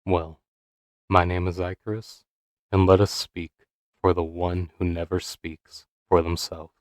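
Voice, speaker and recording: A low-voiced man reads a scripted video essay, measured and dramatic, leaning into rhetorical questions. The sound is dry and close, with no room around it. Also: little pitch movement, dry recording. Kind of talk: scripted narration.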